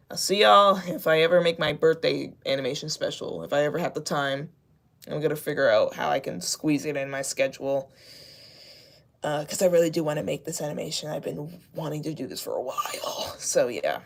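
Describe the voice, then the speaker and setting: Earnest streamer rambling on a live stream, lots of um and like, gravelly fry. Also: medium pitch, lively intonation. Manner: halting, with many fillers and restarts; earnest, candid. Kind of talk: casual livestream talk.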